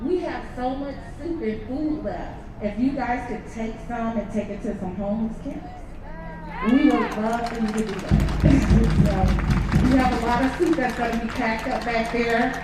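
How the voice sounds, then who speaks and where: A woman host addresses an outdoor gathering with grateful, encouraging announcements. Her voice is far off and very echoey, with a crowd clearly around her. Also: fairly high pitch, measured pace. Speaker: rally host. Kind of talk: informal event announcements and thanks. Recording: echoey, distant mic, noisy outdoor crowd.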